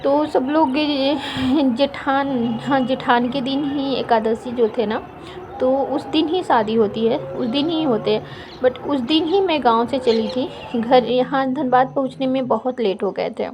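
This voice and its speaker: A woman vlogger narrating her video in a fast, chatty voice-over, with frequent fillers. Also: sits high, noisy background. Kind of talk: casual vlog voice-over.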